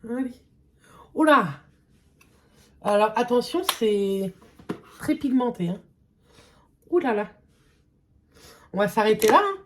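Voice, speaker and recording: A young woman talks her way through a makeup test in a relaxed vlog, pausing often with little fillers. Her voice sits a bit high, with a faint hiss of noise under it. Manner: chatty, hesitant with many fillers. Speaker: beauty vlogger. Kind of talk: casual makeup vlog chat.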